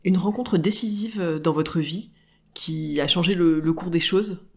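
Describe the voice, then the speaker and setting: Soft-spoken woman host asking questions. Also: fairly low pitch, a little slow, gravelly. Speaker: podcast host, interviewer. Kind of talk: interview questions.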